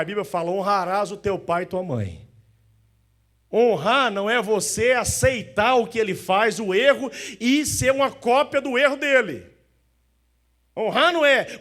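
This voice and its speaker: A man preaching a sermon as pastor in a church, animated, often acting out the voices of the people he describes. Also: sits high.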